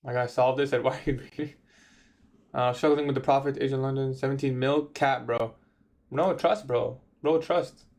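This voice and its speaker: A man's voice: mid-range voice, fairly even intonation, moderate pace, darkish tone. A man in his twenties chatting casually on a trading livestream, answering viewer questions in a laid-back, slangy way. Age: 20s. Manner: laid-back, slangy, says bro a lot. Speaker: livestream trader.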